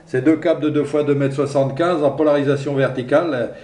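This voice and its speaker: Fairly high in pitch yet dark in tone, a man speaks a little fast with fairly even intonation. As an amateur radio operator, he chats casually on an echoey two-way radio, often finishing phrases with tag words.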